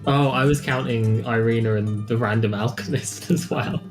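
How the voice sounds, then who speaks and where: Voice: medium pitch, normal speed. A joking, laughing player in a tabletop game over a voice call. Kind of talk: casual game chat. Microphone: computer mic on a voice call. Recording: music playing clearly behind.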